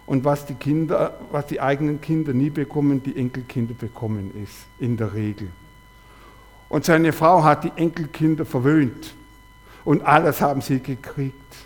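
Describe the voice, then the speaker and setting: A man's voice: fairly high pitch, a little mellow. A man preaching a sermon, telling stories and asking rhetorical questions with repeated refrains.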